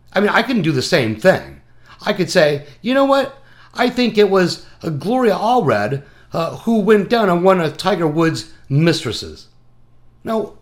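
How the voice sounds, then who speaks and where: High, lively-pitched man on a crude rant. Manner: crude, mocking, rambling. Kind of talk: ranting call-in monologue.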